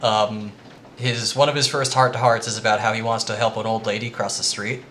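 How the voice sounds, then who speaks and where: A man's voice: on the low side, level tone, fairly quick, a little hiss or hum. A man giving a casual, rambling presentation to friends, with lots of ums. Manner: rambling with frequent ums, quietly earnest.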